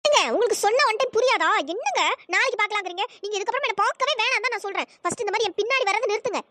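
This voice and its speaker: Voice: very high-pitched, very fast, pushed and bright, dry recording. A performer voicing an irritable young college woman in a cartoon story, scolding and exasperated. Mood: irritated.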